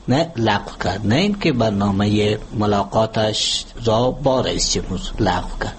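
A low-voiced man answers in a formal interview, laying out points of spelling and grammar one example at a time. His delivery is measured and didactic, and a faint background noise sits under his voice. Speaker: language expert guest.

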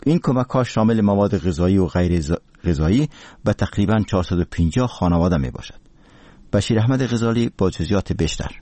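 A man's voice: low-pitched, lively intonation, warm tone, no echo. A man with an Afghan accent presenting scripted radio news and introducing programme segments.

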